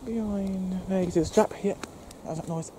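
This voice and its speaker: A man's voice: high-pitched, fairly even intonation, brisk. A young British man talking casually to viewers in a nervous, jumpy way as he walks outside with a handheld camera. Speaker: vlogger. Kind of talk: casual night exploring vlog, talking to viewers. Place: outdoors walking in woods at night. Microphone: handheld camera microphone. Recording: noisy outdoor handheld camera recording.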